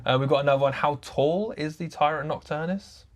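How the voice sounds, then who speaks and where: A man's voice: fairly high pitch, a little fast. A man hosting a casual livestream, reading out audience questions with an upbeat, laughing manner. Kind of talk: casual chat.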